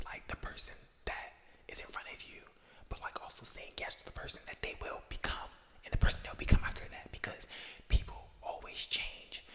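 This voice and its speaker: An ASMR creator of unclear gender whispering a casual, reflective personal ramble in a hesitant, self-correcting way, with an echo effect on the voice. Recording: long echoing reverb on whisper.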